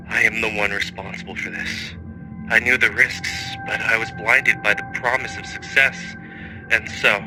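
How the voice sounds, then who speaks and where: A man playing a guilt-ridden research scientist in a video game drama, giving an earnest, halting, urgent warning. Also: medium pitch, lightly acted, rough recording.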